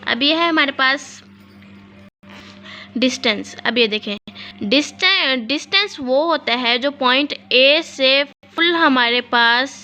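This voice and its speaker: A woman teacher giving a physics lesson, reading definitions out slowly and asking and answering her own questions. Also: high-pitched, expressive, bright, forceful tone, soft background music. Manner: explains in mixed Urdu-English, reads definitions slowly, asks and answers own questions.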